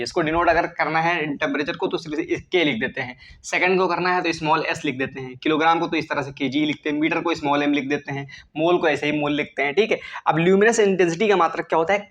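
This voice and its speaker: A man's voice: a little high, a bit bright, lo-fi sound. A male chemistry teacher lecturing students in speech, often asking a question and answering it himself. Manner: asks and answers his own questions. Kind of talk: classroom lecture.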